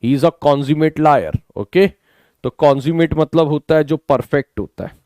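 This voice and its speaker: A male English teacher with an Indian accent, slightly hoarse from a sore throat, patiently explains vocabulary in an online class, switching between Hindi and English and pressing students to answer. His voice is fairly high and darkish, and he speaks slowly. No room sound is audible.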